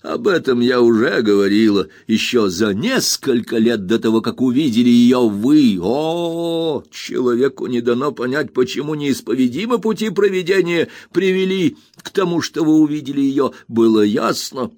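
A man reading aloud, voicing a stern and indignant elderly aunt who scolds in slow, emphatic phrases. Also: mid-range voice, lively intonation, a little mellow, no room sound, clean studio sound, close to an everyday voice. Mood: indignant scolding.

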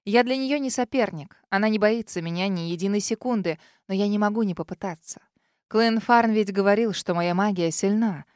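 A woman narrating a first-person fantasy audiobook in a dramatic, expressive way. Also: medium pitch, moderate pace, dry recording, clean studio sound.

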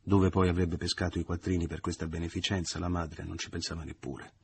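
A man narrating a novel in a measured literary reading. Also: deep voice, little pitch movement, creaky, breathy edge. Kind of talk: audiobook reading.

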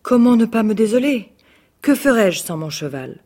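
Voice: mid-range voice, sing-song, moderate pace, dark tone, voice pushed up. Storybook young prince, apologetic and earnest, read by the narrator. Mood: pleading. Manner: pleading, apologetic. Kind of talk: read-aloud fairy tale.

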